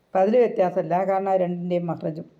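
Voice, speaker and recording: A woman's voice: lowish voice, level tone, fast, warm tone, lo-fi sound. A woman teaching how to pronounce Arabic letters for Quran recitation, patiently repeating points and checking with her listeners. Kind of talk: explanatory lesson.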